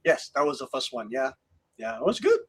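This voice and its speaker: A man's voice: medium pitch, huge pitch swings, brisk, slightly rough. A man co-hosting a casual tech podcast over a video call, chatty with lots of laughs and fillers. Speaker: podcast co-host. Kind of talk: casual chat.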